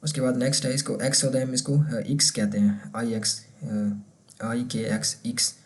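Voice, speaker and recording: A man's voice: medium pitch, little pitch movement. Man teaching German pronunciation, Urdu-accented. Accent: Pakistani Urdu. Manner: patient, repeats words slowly to model pronunciation. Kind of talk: casual explanatory lesson.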